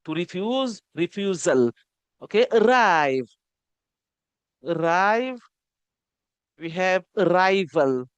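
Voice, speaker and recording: A woman teaching an English grammar lesson, who repeats each word slowly and keeps saying okay. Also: fairly low pitch, expressive, clean tone, dry recording, dull audio.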